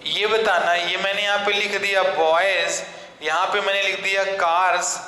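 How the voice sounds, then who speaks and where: A man teaching English grammar in a classroom lecture, repeating questions back to his students and answering them himself, and slipping into slow, deliberate English phrases. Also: sits high, flat delivery, bright, forceful tone, roomy sound, long reverb tail, rough recording.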